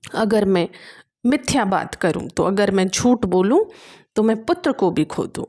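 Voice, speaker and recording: Slow-speaking woman reciting and explaining verse. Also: medium pitch, lively intonation, darkish tone. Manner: chants verse slowly, then paraphrases it in plain speech. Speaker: poetry explainer.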